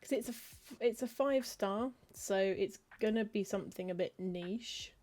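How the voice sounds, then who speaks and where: Speaking at a normal speed in a medium-pitched, slightly mellow voice, a streamer comments casually on the cozy game she's playing. She reads the game text aloud, muttering through book titles and adding wry asides.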